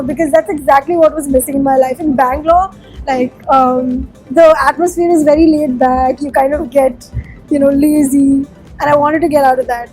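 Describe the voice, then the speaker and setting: A woman from Sikkim, India, whose first language is Nepali, speaks in a high, slightly mellow voice. She's a musician answering interview questions in a chatty, candid way, full of fillers. The audio quality is poor.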